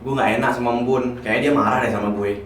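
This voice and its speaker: A man's voice: medium pitch, fairly even intonation, fast talker, slight background noise, lightly acted. A man playing regretful young man Dev. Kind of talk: amateur drama acting. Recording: roomy distant mic with music.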